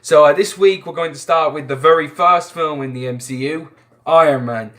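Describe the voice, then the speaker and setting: A young man from Ireland chats through a film retrospective for his channel. His voice sits a little high, and he stumbles and restarts often, padding his talk with fillers. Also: moderate pace, a bit bright. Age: young adult. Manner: chatty, lots of fillers and restarts. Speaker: film vlogger.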